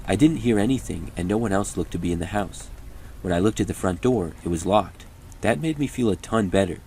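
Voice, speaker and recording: Deep-voiced man narrating horror stories. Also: animated, brisk, a little mellow, a little hiss or hum. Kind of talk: first-person scripted narration.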